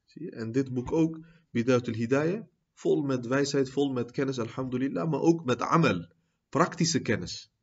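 A man teaching a religious lecture on a classical book, mixing in Arabic phrases and asking "zie je?" often, and rising to loud, high-pitched emphasis when he makes a point. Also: normal speed, husky, lo-fi sound. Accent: Dutch. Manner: peppers speech with Arabic phrases and repeated "zie je?".

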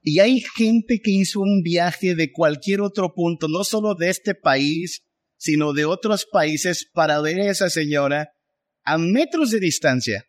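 Guy preaching, kinda high voice, slow and emphatic, asks the crowd questions. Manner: emphatic, rhetorical questions, acts out voices of others. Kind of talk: sermon.

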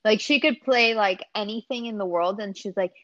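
A woman in a casual podcast chat makes dry, wry asides. Her voice is mid-pitched, and the sound is a little dull and muffled. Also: moderate pace. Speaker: podcast co-host.

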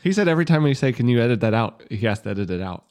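Co-host guy, mid voice, cracking jokes and quick asides. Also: medium pitch, very animated, darkish tone. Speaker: podcast co-host. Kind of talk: casual chat.

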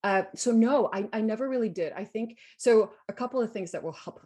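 This woman's voice is fairly high, brisk and mellow, with a slight roughness. In her forties and from Guatemala, she is a guest giving reflective personal interview talk, stressing points by repeating herself.

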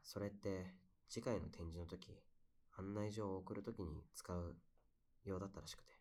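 A man playing a wistful young man who recounts memories in an intimate, soft-spoken bedside audio drama monologue. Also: sits low, fairly even intonation, normal speed, close to an everyday voice. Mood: wistful, tender.

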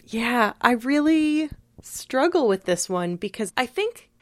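Co-hosting a podcast, a woman engages in casual analytical discussion, emphatic and reflective, sprinkling in "like" as she thinks aloud. Her voice is on the high side, sing-song and slow. The recording is dry.

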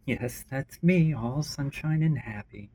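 A man's voice: fairly high pitch, lively intonation, moderate pace, a little mellow, husky, voice pushed up. A man doing a sarcastic female-voiced AI companion. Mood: dry. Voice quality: dry, sarcastic. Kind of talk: amateur story reading.

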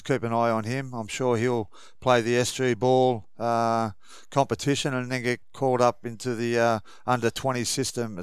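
Crisp, casual Australian man on sports radio. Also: mid-range voice, dry recording, studio quality. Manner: colloquial, matey. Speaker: radio show co-host. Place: radio studio.

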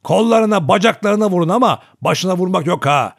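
A man voicing a harsh old grandfather who speaks loudly and sternly, in a dry storybook reading. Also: medium pitch, lively intonation, unhurried, slightly rough, no echo, exaggerated voice. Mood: commanding. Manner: harsh, loud, commanding.

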